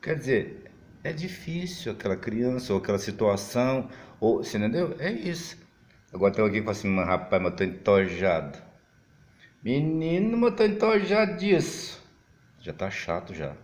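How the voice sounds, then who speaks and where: Animated, chatty man. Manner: animated, big pitch swings, mimics other voices; chatty, frequent fillers and restarts. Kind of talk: casual monologue to camera.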